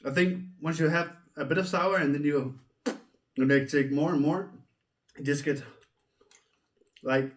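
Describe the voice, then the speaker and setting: A man's voice: a little high, fairly even intonation, a little slow, pauses often, recorded from a distance. A man talking casually to viewers in a taste-test vlog while eating sour candy, reacting with exclamations. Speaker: video host doing a taste test.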